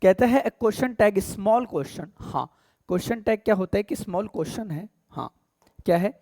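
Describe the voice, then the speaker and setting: An Indian-accented man teaching English grammar, chatting with his students and checking often that they follow. He slows down to read each English example aloud. The recording is dry and close, with no room echo. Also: high voice, animated, dark tone. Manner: addresses students as beta and pyare bachche, asks "theek hai?" often. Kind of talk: casual Hindi-English lesson.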